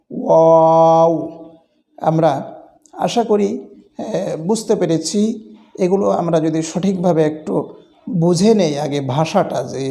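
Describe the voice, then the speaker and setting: A man with a high but mellow voice teaches letter pronunciation. He speaks slowly and deliberately and stretches each example sound. His steady instructional delivery suits a recitation lesson. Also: gravelly.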